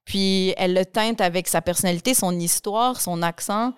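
A woman with a Québécois French accent talks casually as a podcast host, stumbling over restarts and fillers as her thoughts run on. Her voice is smooth and clear. The sound is close and dry. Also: mid-range voice, moderate pace, no room sound. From Quebec. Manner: chatty, many restarts and fillers. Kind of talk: casual conversation.

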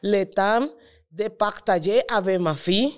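Woman, foreign Latin American Spanish accent in French, smooth clear voice, quick bursts, halting word searches, casual interview guest. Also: medium pitch. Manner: halting, searching for words in non-native French.

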